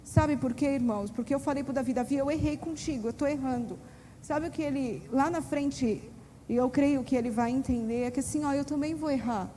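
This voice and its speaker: A woman's voice: sits high, a little fast, mellow, a little hiss or hum. Earnest Brazilian woman in an echoing hall. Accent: Brazilian Portuguese. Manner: earnest, confessional, addresses listeners as brothers and sisters. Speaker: speaker at a church conference. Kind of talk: church talk to parents. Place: church hall. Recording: long reverb of a large hall.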